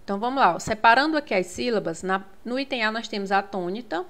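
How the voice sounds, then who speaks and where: A woman's voice: a little high, animated, quick pace, a bit bright. Patient woman teaching grammar. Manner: patient, repeats key words, checks in with "tá?" and "ó". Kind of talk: grammar lesson explaining exam questions.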